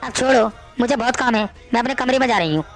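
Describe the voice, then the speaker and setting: A woman's voice: fairly high pitch, fast, soft background music. A woman voicing an outspoken young daughter-in-law who answers back in a cartoon story. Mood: defiant. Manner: pleading, then pert back-talk.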